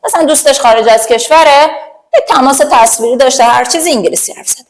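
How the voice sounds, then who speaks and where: Playful woman teaching English grammar. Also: sits high. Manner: chatty, playful, personifies verbs; drills word pairs slowly. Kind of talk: grammar lesson.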